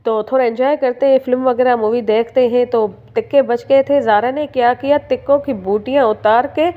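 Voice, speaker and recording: A woman's voice: fairly high pitch, steady tone, moderate pace, phone-quality sound. A young woman, from Sindh, chatting to her viewers in a casual home vlog voice-over. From Sindh, Pakistan. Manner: chatty, addresses viewers warmly with fillers. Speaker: home vlogger. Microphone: phone.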